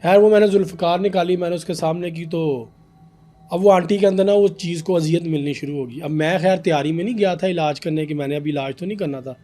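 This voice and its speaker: A young man, a podcast guest telling an animated story about a paranormal case. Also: on the high side, fairly quick, faint music behind. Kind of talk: casual storytelling in a podcast interview.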